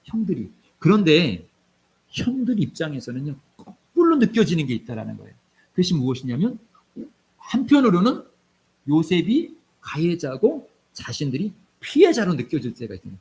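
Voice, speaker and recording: A male pastor from South Korea delivers a Sunday sermon in a rather high voice that rises and falls a great deal. He acts out the lines of people in his stories, sometimes with sharp swings in loudness. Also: moderate pace. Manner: animated, acts out quoted voices in dialogue.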